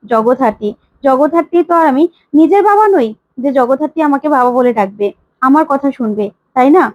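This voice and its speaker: A woman's voice: high voice, animated, brisk, no room sound, dull audio. A woman voicing an emotional older man who keeps pleading to be called father. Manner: pleading, repeats his plea.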